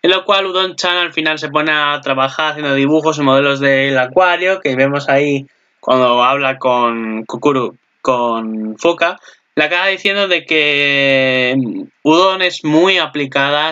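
A man's voice: a little high, smooth. A young man, recapping an anime episode in casual, rambling commentary, often restarting his sentences. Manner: rambling, excitable, swears casually, frequent restarts. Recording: dull lo-fi recording.

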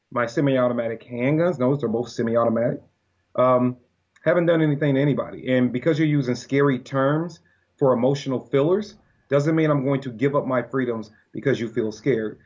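Podcast guest, male, husky, heated and argumentative, lo-fi sound. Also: mid-range voice, moderate pace. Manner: animated, argumentative, often acts out quoted voices. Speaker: podcast guest, gun-rights advocate. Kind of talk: casual podcast conversation. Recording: dull lo-fi audio.

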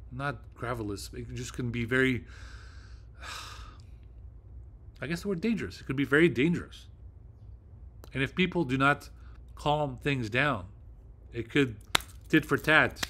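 In a bright, forceful mid-range voice at normal speed, a man hosts his own video. His casual, off-the-cuff monologue is rambling and agitated, packed with fillers and swearing.

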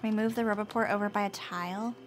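A woman's voice: mid-range voice, steady tone. A woman co-hosting a game session, chatting casually and getting exasperated at lag. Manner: chatty, slow, easily exasperated. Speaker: co-host and player. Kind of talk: casual gaming chat.

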